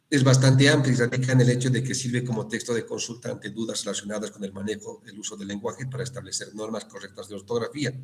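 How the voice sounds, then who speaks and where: A male teacher speaks at a medium pitch, talking over a computer microphone during an online class. He explains spelling rules step by step, stopping often to check that students follow and restarting his phrases. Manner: explanatory, frequent tag questions and restarts. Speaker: university language teacher.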